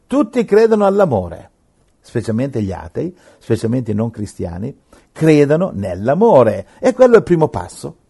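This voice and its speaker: A man preaching a sermon, emphatic, swinging between loud rhetorical questions and quiet asides. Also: medium pitch, sing-song, moderate pace, creaky, slightly rough.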